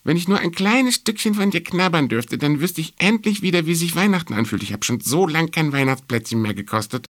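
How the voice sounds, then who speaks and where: A man's voice: a little high, expressive, a little fast, hardly any pauses, a bit bright, no room sound, studio quality, pitched above the performer's own voice. A man voicing a tiny, eager mouse in a storybook reading, with a raised, sweet voice.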